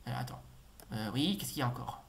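A man's voice: mid-range voice, expressive, fast, vocal fry, fairly bright tone, a little hiss or hum. A man casually commenting while he plays a retro video game, rambling with many fillers and repeated exclamations.

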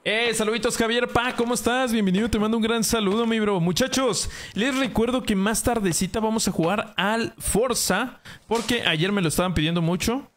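Excitable high-voiced young man streaming a game. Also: normal speed, slight background noise. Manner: excitable, yelps and groans at the game, greets viewers by name. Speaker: gaming streamer. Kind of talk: casual live gameplay commentary.

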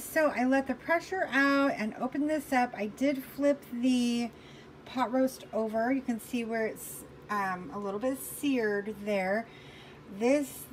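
A woman's voice: fairly high pitch, a little hiss or hum, rough recording. A woman chatting to her viewers while cooking in her home kitchen, narrating each step and apologizing for slips. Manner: chatty, self-correcting, talks to viewers while working. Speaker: cooking vlogger. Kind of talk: casual cook-along chat. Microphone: camera on counter, speaker off to the side.

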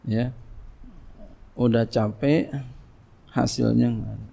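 Gravelly-voiced man lecturing casually. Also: mid-range voice, steady tone, slow pace, warm tone. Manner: conversational, repeats phrases, asks rhetorical questions. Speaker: Islamic boarding school teacher. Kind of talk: religious lecture.

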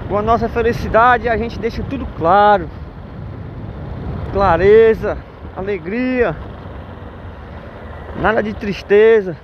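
A motovlogger from northeastern Brazil narrates upbeat, joking vlog commentary while riding his motorcycle through city streets. His voice sits high, at a slow pace with frequent pauses. The recording is dull and lo-fi, with faint street noise.

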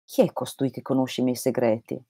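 A woman reading aloud the hushed, questioning lines of a quiet young male monk. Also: extremely low pitch, flat delivery, brisk, no room sound, clean studio sound. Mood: puzzled.

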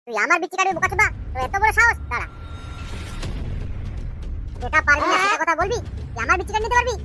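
Squeaky foul-mouthed cartoon tough. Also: big pitch swings, soft background music, heavily acted. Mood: threatening. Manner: abusive, shouting, quick insults. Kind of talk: cartoon voice acting.

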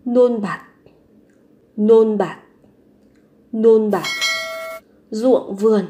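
A woman's voice: on the high side, drawn-out words, warm tone, a little hiss or hum. A woman teaching a vocabulary lesson, saying each word three times and then explaining it patiently. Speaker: language teacher. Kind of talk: vocabulary lesson, repeating words slowly.

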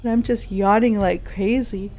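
A woman's voice: mid-range voice, steady tone, normal speed, mellow, a little hiss or hum. A woman in her thirties streaming a game, chatting casually and rambling, often breaking off mid-sentence. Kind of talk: casual gameplay chat.

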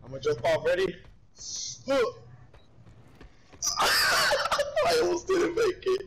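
A man joking around over voice chat while gaming, animated and quick to laugh. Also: very high-pitched, gravelly, very noisy. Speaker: gamer.

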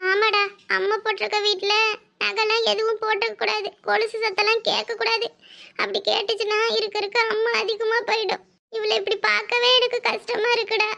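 A woman voicing a fussing, caring older village mother-in-law in a cartoon, speaking with a southern Tamil Nadu accent and giving orders fast. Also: extremely high pitch, level tone, creaky, bright, forceful tone, full character voice. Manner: bossy, fast, scolding yet tender. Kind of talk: cartoon voice acting.

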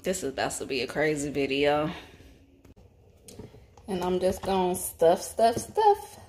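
Woman, 30s, low-ish easygoing voice, home-kitchen cooking vlog on a close phone mic. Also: measured pace. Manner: relaxed, chatty, talks to viewers as y'all. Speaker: home cook vlogger. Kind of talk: casual cook-with-me chat. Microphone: phone camera held close.

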